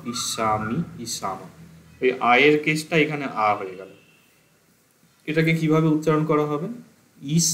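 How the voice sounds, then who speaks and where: A man's voice: medium pitch, a bit bright, echoey room. A man teaching a grammar class for exam preparation, patiently explaining step by step and reciting verb forms as drills.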